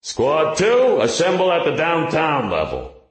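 A man reading an audiobook, voicing a gruff male police tactical chief who barks orders in a rasping voice. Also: fairly high pitch, huge pitch swings, measured pace, echoey room, voice pushed up, rough recording. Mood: barking orders. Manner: barking through a bullhorn.

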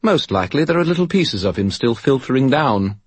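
A man voicing a cheeky, smug spirit that lives in a skull, perky and quick in an audiobook reading. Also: on the low side, big pitch swings, breathy edge, dry recording, pitched above the performer's own voice. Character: chatty, smug male spirit living in a skull.

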